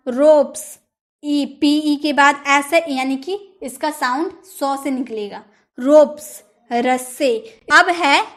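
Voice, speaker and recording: Woman teacher doing an english lesson, high voice, slow and careful, spells letters out one by one. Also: fairly bright tone. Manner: spells out letters and repeats words for drill.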